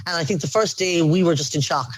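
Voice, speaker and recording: A woman's voice: on the low side, fast, no echo, poor audio. An Irish woman, an aid volunteer, recounting her experiences in an earnest, emphatic documentary interview.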